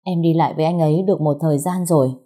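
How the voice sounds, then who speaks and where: A woman's voice: deep voice, fairly even intonation, rapid-fire, mellow. A woman voicing a tearful, pregnant young woman who pleads with her older sister. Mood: tearful pleading. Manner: sobbing, pleading.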